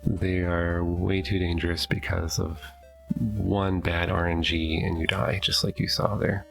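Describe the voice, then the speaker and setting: A middle-aged man hosts a let's play from his home basement, thinking aloud about his gameplay in a casual, hesitant, self-correcting way. He is stuffy and sniffling, and his low-pitched, gravelly voice keeps a level tone at a measured pace. Soft background music plays.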